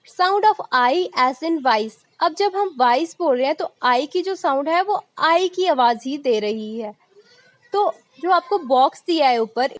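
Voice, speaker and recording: A woman teaching an English lesson who explains an exercise patiently, repeating points step by step and reading English sentences slowly. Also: high-pitched, no echo, rough recording.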